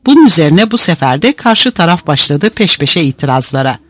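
A man's voice: fairly high pitch, big pitch swings, a little fast, sharp tone, no room sound. A man narrating a novel aloud in a vivid, dramatic reading style.

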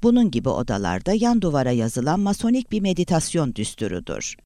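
A man voicing a calm scholarly man who explains things in a measured way. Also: fairly high pitch, dry recording, studio quality. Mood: thoughtful.

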